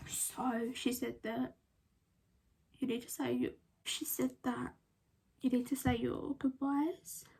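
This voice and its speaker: A woman telling a personal story to camera while crying and trying to hold back tears, halting and breaking into whispers. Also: high voice, level tone, gravelly, a little mellow, slightly rough. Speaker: vlogger.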